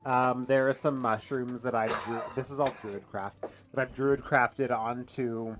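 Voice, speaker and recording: Animated man swearing casually at the table. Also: medium pitch, a little slow, music in the background. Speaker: player. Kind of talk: casual tabletop game chat.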